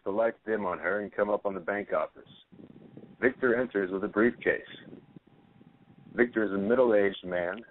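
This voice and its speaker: Scripted narration of stage directions is read by a man whose voice is fairly low. The sound is narrow and tinny, as if over a phone line.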